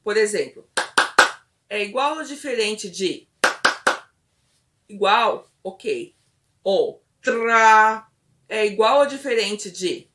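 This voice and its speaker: A woman instructor patiently explaining a test step by step, often pausing to check in with her listeners. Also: mid-range voice, fairly bright tone.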